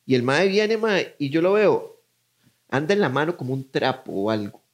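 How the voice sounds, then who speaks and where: A man's voice: a little high, very animated, normal speed. A young man with a Costa Rican accent telling a story in casual chat, acting out voices as he goes.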